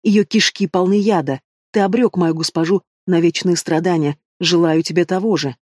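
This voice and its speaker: A man's voice: high voice, steady tone, normal speed, darkish tone, dry recording, clean studio sound. A man voicing a vicious female manticore in an audiobook, hissing and mocking. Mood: gloating. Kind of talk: audiobook reading.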